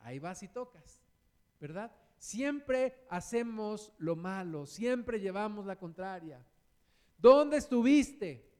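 Slow, smooth-voiced preacher. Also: male voice, sits high, a little mellow. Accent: Mexican Spanish. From Mexico. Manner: slows and stresses quoted verses, asks rhetorical questions. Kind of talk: sermon.

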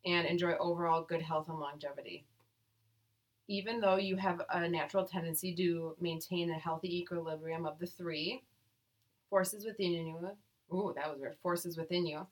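A woman co-hosting a podcast, casually reading results aloud with playful, profane jokes in between. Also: low-pitched. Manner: playful, profane, jokey asides. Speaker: podcast co-host.

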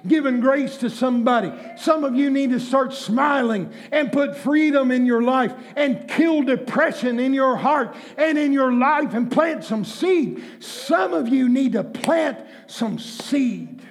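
Male pastor, high voice, slow, repetitive and shouting sermon delivery. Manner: preaching with shouted, drawn-out emphasis and repetition. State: out of breath.

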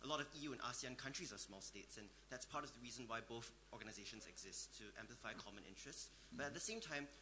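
A man's voice: medium pitch, fast, hardly any pauses, noisy background. A man from Singapore asking an articulate, argumentative question from the audience at a panel.

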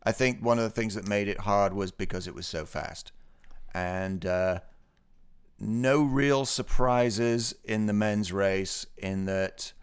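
Smooth-voiced man giving a race rundown. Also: lowish voice, slow pace. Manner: relaxed, rambling race report with fillers. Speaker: podcast co-host. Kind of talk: casual podcast chat.

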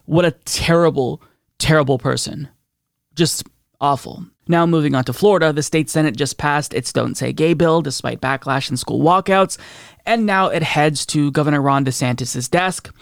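A man's voice: fairly high pitch, moderate pace, gravelly, no room sound, clean studio sound. A man hosting a political commentary show, speaking in an indignant, sarcastic way.

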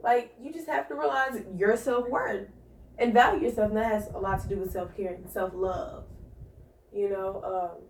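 A woman's voice: medium pitch, moderate pace, a little hiss or hum. A woman co-hosting a casual chat, giving earnest self-love advice in a rambling way. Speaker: podcast co-host. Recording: echoey room, far from mic.

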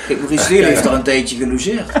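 A man's voice: medium pitch, expressive, brisk, distant mic, noisy background. A man co-hosting a casual podcast, teasing the guests and chiming in on sponsor reads. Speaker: podcast co-host. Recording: roomy, off-mic.

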